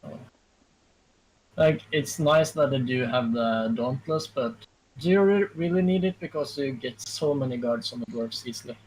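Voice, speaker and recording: A man's voice: medium pitch, moderate pace, darkish tone, slight background noise, rough recording. A man with a Norwegian accent, co-commenting a game recap in hesitant casual chat full of ums. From Norway. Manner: hesitant, many ums, self-deprecating.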